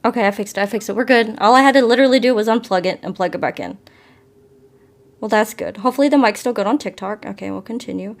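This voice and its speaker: A woman's voice: medium pitch, fast talker, gravelly. Chatty, apologetic woman streamer. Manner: apologetic and chatty, talking to viewers. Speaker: livestreamer. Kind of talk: casual live stream, reading an interactive story aloud. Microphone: phone with a plugged-in mic.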